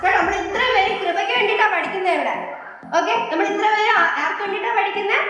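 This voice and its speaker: A woman's voice: very high-pitched, racing. A woman teaching abacus to a group of children in a classroom, coaxing them with sing-song questions. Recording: very echoey room with faint music.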